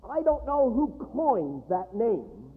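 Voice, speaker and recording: A man preaching a sermon in a large chapel, emphatic and full of dramatic pauses. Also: sits high, huge pitch swings. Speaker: guest preacher. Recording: echoey hall, tinny narrow sound.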